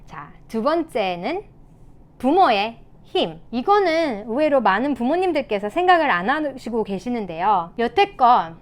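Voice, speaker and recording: A woman's voice: on the high side, big pitch swings, unhurried. A woman teacher giving parenting tips in a casual talk to camera, explaining patiently and acting out sample lines a parent might say.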